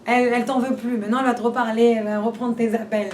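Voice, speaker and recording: Lady teaching a class, high voice, kinda far from the mic, lots of room echo, chatty w/ questions to the group. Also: little pitch movement, rapid-fire, a little mellow. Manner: chatty, repeats and restarts, asks rhetorical questions. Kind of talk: informal talk to a class. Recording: roomy and distant, faint background noise.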